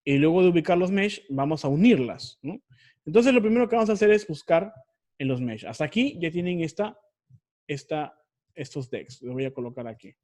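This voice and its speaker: A man's voice: on the high side, lively intonation, a little fast, a little mellow. A man teaching an online research class, explaining step by step and often repeating or correcting himself.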